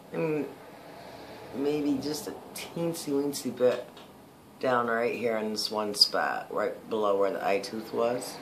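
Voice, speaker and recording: A man in a casual video diary, talking in a chatty, rambling way full of ums. His words come out slightly slurred, with lisping s's from newly fitted dentures. His voice sits at an ordinary middle pitch, with a faint hiss of noise behind him. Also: pushed and bright. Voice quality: slightly slurred, lispy speech from new dentures. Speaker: vlogger.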